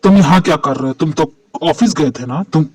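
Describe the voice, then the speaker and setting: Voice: mid-range voice, a little fast, mellow, no room sound, recorded from a distance, natural voice. A performer voicing a playful, teasing young husband in an amateur fan dub. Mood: cheeky. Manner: playful, cheeky.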